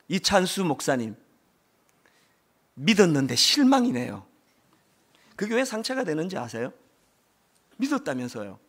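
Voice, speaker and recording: A male pastor preaching a sermon in a church, swinging from loud pleading to soft, slow confession, with soft music behind. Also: high voice, vocal fry. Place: church sanctuary.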